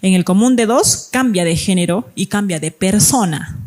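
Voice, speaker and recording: Woman, teacher, grammar lesson, step-by-step explanations, middle pitch. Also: moderate pace, darkish tone. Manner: explains step by step, checks understanding with "¿ya?" and "¿no?".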